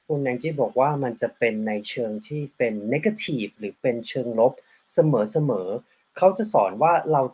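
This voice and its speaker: A man's voice: mid-range voice, slightly rough. A man hosting an interview, switching between languages and politely summarizing and translating his guest's answers.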